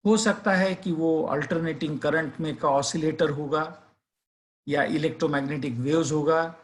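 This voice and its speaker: A male teacher telling a suspenseful story, then earnestly urging students to revise. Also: a little high. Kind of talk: storytelling and motivational advice to students.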